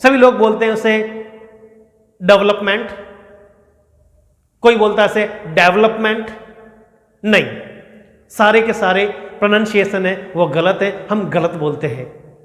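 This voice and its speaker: A man teaching an exam-prep English pronunciation lesson, drilling words slowly and repeating them, asking questions and answering them himself. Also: high-pitched, fairly bright tone. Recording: echoey room with long reverb.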